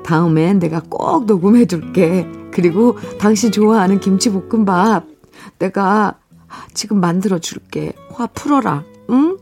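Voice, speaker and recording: A woman's voice: unhurried, soft background music, lightly acted. A woman voicing a flustered middle-aged father in a radio letter reading. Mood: coaxing. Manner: shouting in excitement, high and loud.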